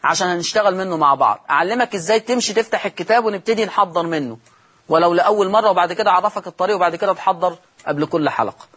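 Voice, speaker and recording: Fast-talking Egyptian man teaching. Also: high voice, a bit bright, husky. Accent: Egyptian Arabic. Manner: addresses viewers directly, repeats key points. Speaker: Quran recitation teacher. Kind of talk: TV lesson explaining Quran readings.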